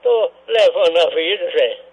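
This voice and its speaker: A man's voice: high-pitched, animated, unhurried, a little mellow, husky, heavily acted, poor audio. A man voicing a confused old prank caller, rambling and answering beside the point on a radio prank call.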